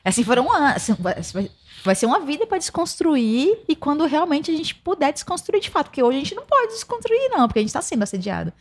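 A woman from Brazil, co-hosting a podcast, opinionated and animated in casual talk. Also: high-pitched, fast talker.

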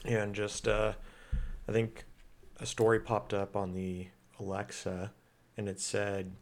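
Casual male podcast co-host, lower voice, loose and rambling. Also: little pitch movement, slow. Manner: rambling, eating while talking. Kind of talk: casual chat.

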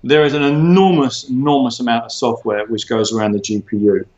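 A man being interviewed, explaining at length in a measured way with frequent fillers and restarts. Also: mid-range voice, steady tone, a little mellow. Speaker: interview guest, former tech executive. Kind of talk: conversational interview. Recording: roomy, dull lo-fi sound.

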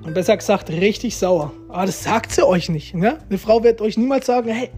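A man's voice: high voice, brisk, dark tone, soft background music. A man giving casual relationship advice straight to his viewers, chatty and repetitive, tagging his sentences with little questions. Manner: chatty, repeats himself, tags lines with "ja?" and "ne?".

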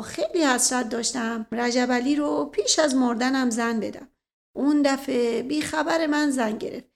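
A woman's voice: sits high, creaky. A woman voicing a talkative, pious old mother who gushes fervently as she speaks. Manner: gushing, pious, chatty.

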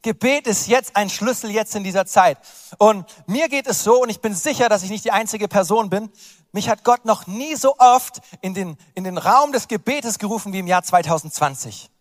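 A man's voice: sits high, moderate pace, no echo, studio quality, big-room sound. A man preaching a sermon, urging and encouraging his congregation in an earnest, direct way. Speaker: pastor.

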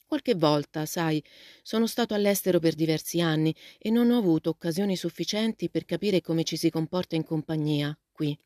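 A woman voicing a shy, courteous teenage boy in a storybook reading, speaking politely and softly. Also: low-pitched, moderate pace, dry recording, studio quality, natural voice. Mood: calm.

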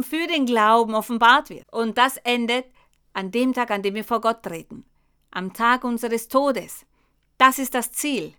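Female preacher, slightly high and crisp, slow deliberate sermon delivery. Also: sharp tone. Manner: slow, emphatic Bible exposition addressing the congregation. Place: church.

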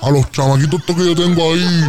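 A man's voice: a little high, fairly even intonation, fast, a crowd in the background. A man with a Puerto Rican accent hosting a comedy radio bit, telling a boastful, exaggerated story full of sound effects.

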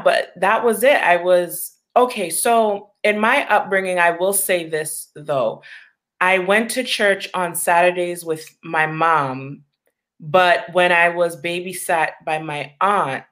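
A woman's voice: lowish voice, takes it slowly, fairly bright tone. A woman from Long Island, New York, speaking candidly and reflectively as an interview guest, laughing easily.

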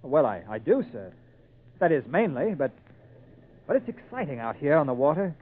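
Eager teen village boy, high, lively pitch, polite and earnest, vintage radio drama. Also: moderate pace, slight background noise. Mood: curious, eager. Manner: earnest, respectful, boyish. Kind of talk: old-time radio drama acting. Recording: tinny, narrow-band old radio recording.

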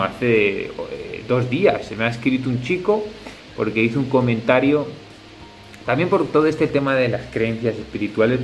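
Reflective man, faint noise. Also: on the low side. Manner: reflective, hesitant with frequent fillers. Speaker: ayahuasca integration facilitator. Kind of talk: casual conversation.

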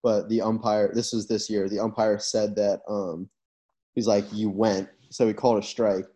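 A man's voice: on the low side, level tone, normal speed, dark tone. A young man, a college baseball player, casually telling stories on a podcast he hosts. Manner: laid-back storytelling. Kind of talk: casual chat.

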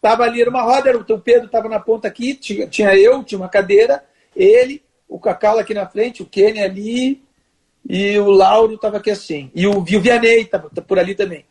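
An older man with a high-pitched, darkish, slightly rough voice tells stories fairly quickly as a guest in a conversational interview. His speech is full of restarts and fillers.

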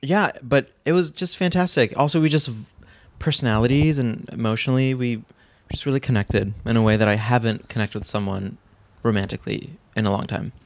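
A man's voice: mid-range voice, a little fast, dry recording. A man in his thirties telling frank stories in a casual chat, laughing often. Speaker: podcast guest.

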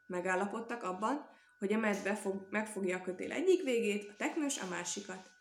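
A woman reading a children's story aloud in a calm, even storytelling manner. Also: mid-range voice, slight background noise. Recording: echoey room.

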